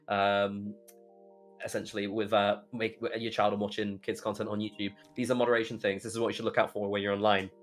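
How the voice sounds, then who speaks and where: This is a young adult from the UK, a YouTuber and streamer guesting on a podcast, casually rambling through his stories. He has a lowish, fairly bright voice.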